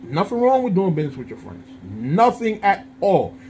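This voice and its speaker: High-voiced man in his thirties vlogging. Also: wildly swooping pitch, moderate pace, a little mellow, slight background noise. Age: 30s. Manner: conversational, peppered with "you understand?" check-ins and street slang. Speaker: vlogger and channel host. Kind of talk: casual straight-to-camera monologue.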